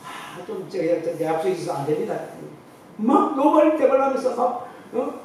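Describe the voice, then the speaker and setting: A middle-aged man preaches a testimony sermon in a church, acting out the voices of the people in his story. His voice sits high and mellow. It is heard from a distance, with heavy hall echo and a faint hiss behind it. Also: big pitch swings, moderate pace. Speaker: pastor. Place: church sanctuary. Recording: very echoey hall, distant mic, faint noise.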